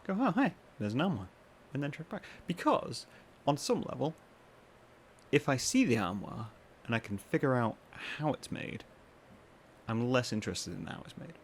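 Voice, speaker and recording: A man hosting a podcast in a casual, rambling monologue, with self-mocking asides and quoted voices acted out higher. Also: sing-song, moderate pace, a little hiss or hum. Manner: acts out what others say in higher voices. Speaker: podcast host.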